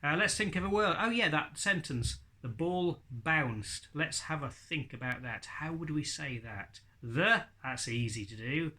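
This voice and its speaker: A man's voice: on the high side, lively intonation, normal speed, few pauses, pushed and bright. A middle-aged man giving an informal, chatty ventriloquism lesson with jokey asides. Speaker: ventriloquism teacher. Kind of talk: informal instructional video talk.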